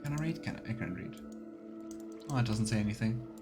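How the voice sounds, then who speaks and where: Over game music, this male streamer offers quick, animated commentary on a fantasy RPG in a lowish voice. It's a casual let's play, full of thinking aloud and muttering to himself as he goes.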